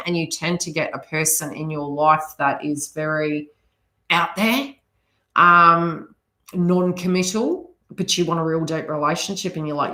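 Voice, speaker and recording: A woman with a slight New Zealand accent and a low, somewhat bright voice hosts a live session as a psychic reader, giving spiritual advice. She rambles casually, tossing conversational asides to her viewers, and the sound is roomy and echoey.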